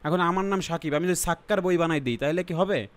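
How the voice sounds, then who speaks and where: A young Bangladeshi man teaching an online exam-prep class, his voice sitting a touch high. He walks through each point step by step, slips English terms into his explanations and keeps asking whether the students follow. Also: quick pace. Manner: explains step by step, checks in with "ঠিক আছে?". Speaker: IELTS teacher. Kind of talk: online lesson.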